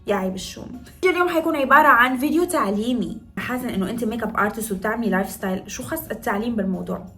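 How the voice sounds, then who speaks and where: A woman's voice: a little high, racing, few pauses, a bit bright, soft background music. A woman in her twenties from northern Morocco, chatting playfully to viewers in a vlog and teaching phrases with laughs. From Morocco (Tetouan, north). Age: 20s. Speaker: beauty vlogger.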